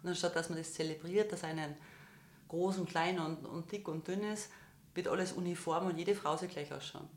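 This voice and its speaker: A woman's voice: on the low side, steady tone, a little fast. A woman, a therapist guest explaining her views earnestly in an interview, building her points through examples. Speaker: psychotherapist or psychiatrist guest.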